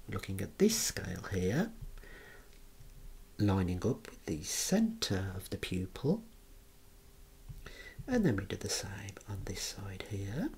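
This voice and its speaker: A man with a deep, low voice whispers gently through a clinic role-play, unhurried and careful. His pitch rises and falls in a lively way, and he drops in soft words of praise as he works. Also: breathy edge. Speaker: clinician demonstrating eye and head measurements.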